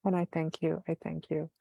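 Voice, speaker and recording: A woman channeling spiritual messages live on a video call, speaking in a soft, reverent way with breathy sighs. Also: low voice, level tone, a little slow, dry recording. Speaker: guest channeler.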